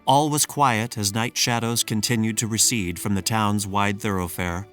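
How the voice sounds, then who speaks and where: A man reading a children's storybook aloud in a measured, expressive storytelling manner. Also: on the low side, soft background music. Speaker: storybook reader. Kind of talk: scripted narration.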